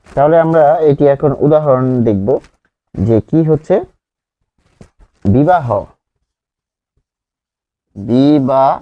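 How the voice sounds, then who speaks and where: A man teaching an exam-prep grammar lesson, speaking slowly, repeating example words and asking the class questions. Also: a little high, animated, highs cut off.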